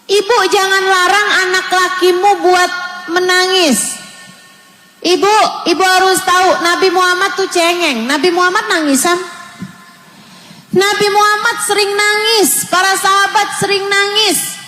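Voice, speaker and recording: High-voiced woman preaching in an echoey hall. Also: fairly even intonation, unhurried. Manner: earnest, addresses mothers directly, warm coaxing. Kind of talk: sermon. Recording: echoey hall with faint ambience.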